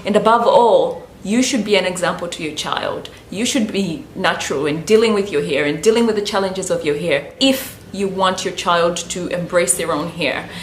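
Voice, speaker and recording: A Zambian natural hair vlogger, her voice lowish, talks to camera at a moderate pace with hardly any pauses, giving laid-back hair-care advice and repeatedly saying "you know." There's a little hiss or hum, plus echo and faint background ambience in the room.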